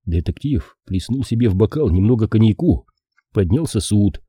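A man narrating a detective audiobook in an expressive, measured reading. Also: lowish voice, slightly rough, no room sound, studio quality. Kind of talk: scripted narration.

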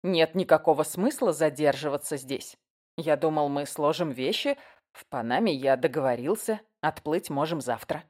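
A woman's voice: low voice, moderate pace, darkish tone. A woman reading the part of a restless husband, talking eagerly about travel plans in an audiobook. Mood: enthusiastic. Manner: eager, matter-of-fact planning.

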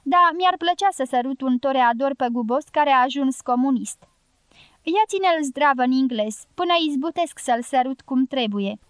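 A woman's voice: sits high, smooth, dry recording, clean studio sound, lightly acted. A woman reading the part of a blunt, teasing older guerrilla woman with a strong voice in a storybook reading. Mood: bold teasing. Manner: teasing, forceful.

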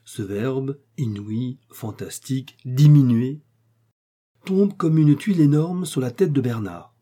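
A man narrating a classic story in a measured, expressive reading. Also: mid-range voice, breathy edge.

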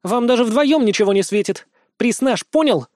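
A man voicing a tough young woman fighter who shouts her claims boldly. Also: extremely high pitch, expressive, normal speed, no room sound, clean studio sound, voice pushed up. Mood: defiant. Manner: shouting, bold.

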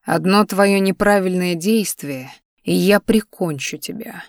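A woman reading a storybook voices a hot-tempered, protective young man who speaks slowly through gritted teeth. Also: on the low side, no echo, studio quality, natural voice. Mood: threatening.

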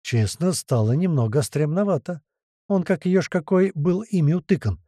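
A man narrating an audiobook in the first person, with lively, slangy storytelling. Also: a little high, moderate pace, no room sound, studio quality.

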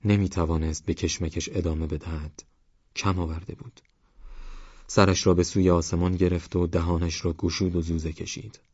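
Man, audiobook narrator, very deep voice, calm measured reading, slightly dull recording. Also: breathy edge, no room sound.

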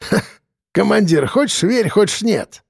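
A man's voice: sits high, expressive, unhurried, gravelly, slightly rough, no room sound, clean studio sound, voice pushed up, heavily acted. A man playing a shifty, wheedling ex-convict. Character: shifty evasive ex-prisoner man. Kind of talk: audiobook character voice.

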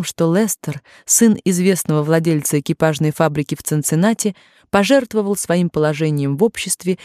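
A woman narrating an audiobook in a measured, even-paced reading. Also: lowish voice, dry recording, clean studio sound.

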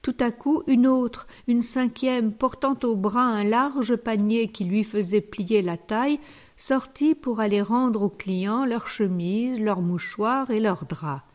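A woman reading a classic short story aloud as an audiobook narrator, calm and measured. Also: fairly high pitch. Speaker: audiobook reader. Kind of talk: scripted narration.

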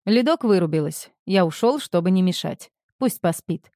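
A woman's voice: on the low side, lively intonation, normal speed, warm tone, no echo, studio quality. A woman reading the part of a crude, dismissive man who talks in blunt slang in an audiobook. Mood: mocking.

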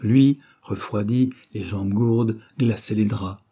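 Dark, husky male audiobook narrator. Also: fairly low pitch, fairly even intonation, takes it slowly.

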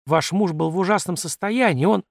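A man voicing a calm, patient female secretary who explains things gently. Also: sits high, brisk, vocal fry, no room sound, studio quality.

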